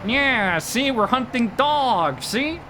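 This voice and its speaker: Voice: mid-range voice, very animated, measured pace, noisy background. A streamer putting on an old-timey transatlantic tough-guy voice for a boastful dog catcher, ending lines with a clipped "see?".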